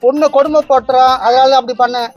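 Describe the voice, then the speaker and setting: Woman as an older father-in-law, wheedling, flattering, quick, comic fan dub. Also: high-pitched, lo-fi sound, faint music behind, natural voice.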